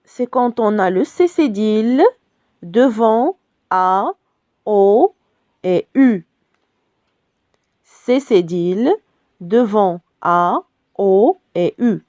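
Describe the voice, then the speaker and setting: A woman teaching a French spelling lesson, speaking slowly and carefully, repeating each word and spelling out the letters. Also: mid-range voice, expressive, a little mellow, no room sound. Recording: dull lo-fi sound, dry.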